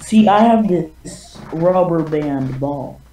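A goofy woman who talks slowly in a lowish voice, meowing and cracking puns. She sounds distant in an echoey room. A faint background ambience sits under her voice. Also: lively intonation, warm tone, slight background noise. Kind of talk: casual group chat.

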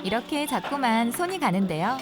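A woman's voice: fairly high pitch, big pitch swings, normal speed. A woman reading scripted television documentary narration as a voice-over. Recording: studio voice-over under loud music.

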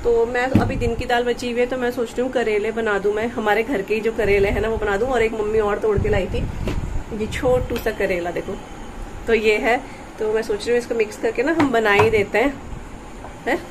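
A woman's voice: on the high side, steady tone, fairly quick, noisy background. A woman from India, a mother, chatting casually through a home vlog in a homely, rambling way. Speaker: vlogger, mother. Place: family home.

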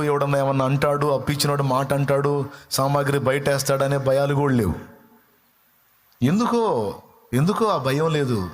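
A man preaches to his congregation, firing repeated rhetorical questions at his listeners. His voice sits at a middle pitch, and he slows down deliberately whenever he reads scripture aloud. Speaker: pastor. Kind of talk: sermon.

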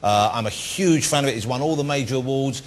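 A man hosting a chat show, cracking quick jokes. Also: medium pitch, a little hiss or hum. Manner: jokey, lively, quick quips. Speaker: talk show host. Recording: studio with loud audience. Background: audience laughter and applause.

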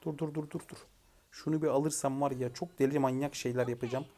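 A young man commentating his own mobile game match, excitedly shouting commands at teammates and venting frustration. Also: mid-range voice, fairly quick. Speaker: gaming YouTuber. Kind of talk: live gameplay commentary.

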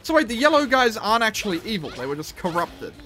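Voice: mid-range voice, very animated, quick pace, bright, forceful tone. A gamer giving casual, reactive commentary while playing, swearing and exclaiming at the game as they talk to themselves. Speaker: video game streamer.

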